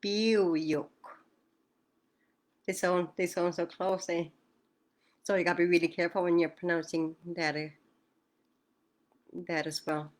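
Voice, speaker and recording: A woman leads an online language lesson, speaking slowly in a slightly low voice. She repeats words with care and answers questions patiently, as if over a video call. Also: fairly even intonation. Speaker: language teacher.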